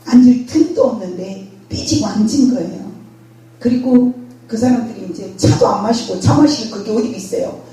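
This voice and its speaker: Older woman pastor, lively storyteller, mellow voice, very echoey far-off sound. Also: medium pitch, normal speed. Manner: animated storytelling, acts out scenes. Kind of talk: sermon. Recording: very echoey hall, distant mic.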